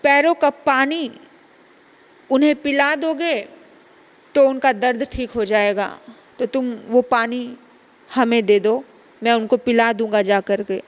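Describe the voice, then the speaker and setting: A woman's voice: a little high, steady tone, slow pace, pauses often, in a large hall, pitched below the performer's own voice. A woman preacher voicing a humble, downcast male messenger who hesitantly explains a strange remedy. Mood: pleading.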